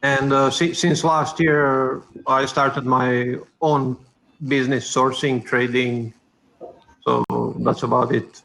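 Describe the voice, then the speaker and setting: A man's voice: mid-range voice, flat delivery, takes it slowly, vocal fry, a bit bright, low-quality recording. A man from Bosnia and Herzegovina introducing himself on a panel, hesitant and searching for words. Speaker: panelist, sourcing trader.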